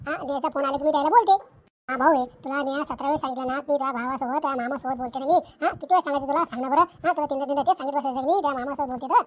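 A woman's voice: high-pitched, rapid-fire, close to an everyday voice. A woman voicing a scolding middle-aged village mother in a cartoon comedy, lamenting and repeating herself. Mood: defensive.

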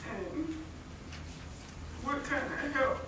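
A woman giving a defendant's allocution to a court, halting and apologetic, repeating herself as she goes. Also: high voice, animated. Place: large courtroom, standing away from the microphone. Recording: distant, echoey, noisy courtroom recording.

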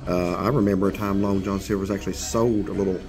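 A man's voice: sits low, steady tone, fast talker, over music. A middle-aged man hosting a casual food vlog, talking in a rambling, folksy way with lots of fillers, recorded inside a parked vehicle. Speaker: vlog host. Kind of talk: casual food review chat.

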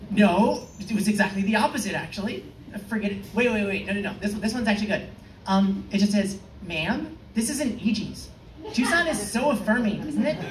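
A young woman performing a stand-up comedy set on a club stage, delivering dry, deadpan one-liners with the odd filler. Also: mid-range voice, slight background noise. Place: comedy club stage, in front of a live audience. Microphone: far room pickup, no mic held. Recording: echoey club heard from far off.

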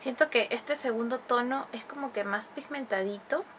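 A woman's voice: a little high, normal speed, fairly bright tone, slight background noise. A woman vlogger, chatting through a makeup review and tutorial, fond of diminutives. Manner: chatty, explanatory, uses many diminutives. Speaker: beauty vlogger.

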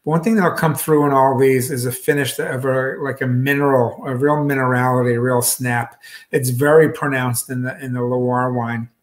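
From his home kitchen, a fifties-aged man guides a wine club through a bottle on a video call, his webcam catching a steady tone at an ordinary male pitch. He's casual and halting, gesturing with his hands, full of fillers, ums and fresh starts.

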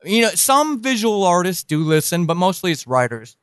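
A man's voice: high-pitched, sing-song, moderate pace, a bit bright, clean tone, no echo, clean studio sound. A man hosting an interview podcast, asking long, encouraging questions. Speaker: podcast host.

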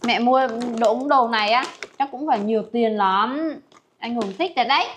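An eager, meek younger sister, played by a woman in a comedy family skit. Her voice is high and bright, polite and timid. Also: normal speed, slight background noise, lightly acted.

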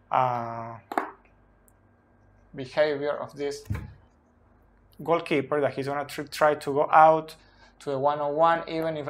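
A football analyst in his thirties, whose first language isn't English, explains tactics at a whiteboard in a small room. His voice sits on the high side, and he speaks slowly and deliberately, often checking in with "okay?" A phone camera records him close up.

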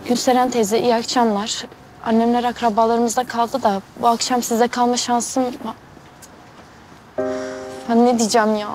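Actress as a nervous girl fumbling her words, slightly high, music under. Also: level tone, normal speed, pauses often, close to an everyday voice. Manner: hesitant, stumbling, rehearsing. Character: nervous young woman rehearsing a greeting.

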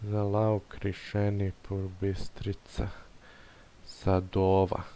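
Playing a map-guessing game, this streamer thinks out loud in a hesitant mutter, second-guessing himself. He has a deep, warm, monotone voice, takes his time, and there's slight background noise.

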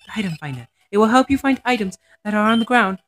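A man's voice: high voice, animated, quick pace, soft background music, voice pushed up. A man voicing a confident female police officer in a game, reading her lines aloud in a raised voice as a proud mentor. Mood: praising. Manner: read aloud in a raised, bright voice.

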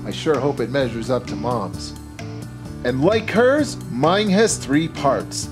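A man in his forties speaks slowly but animatedly in a medium-pitched voice while presenting a scripted cooking show to camera. His enthusiasm is playful, the settings are a home kitchen set and a grocery store, and music plays behind him.

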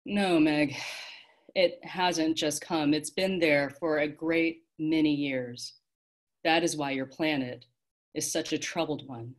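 A weary, kind celestial being, as a woman reading aloud voices her. She speaks softly and slowly, soothing frightened children. A low, gentle storybook voice. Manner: soft, slow and comforting. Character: gentle, tired celestial being, comforting, female.

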